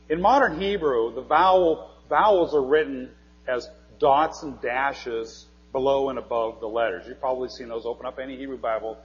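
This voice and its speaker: A man giving a live classroom lecture, quizzing his audience in a friendly, teacherly way. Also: mid-range voice. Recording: dull recording in a long-reverb hall.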